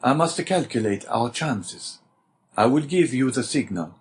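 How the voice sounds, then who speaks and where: Cautious unseen male prisoner, read by a man, speaking measured and deliberate. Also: mid-range voice, expressive, slight background noise, pitched above the performer's own voice, close to an everyday voice.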